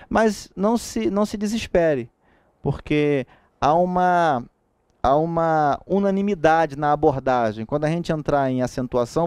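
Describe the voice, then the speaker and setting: Lively Brazilian teacher, man, fairly high voice. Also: dry recording. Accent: Brazilian Portuguese. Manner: lively, asks rhetorical questions, frequent checks like "tá?". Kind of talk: exam-prep lecture.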